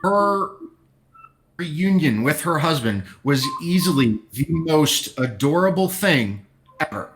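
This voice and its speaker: A man's voice: on the high side, animated, takes it slowly, fairly bright tone. A man co-hosting a casual talk stream, gushing about a show with enthusiastic, rambling fan talk. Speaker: podcast co-host. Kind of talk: casual chat.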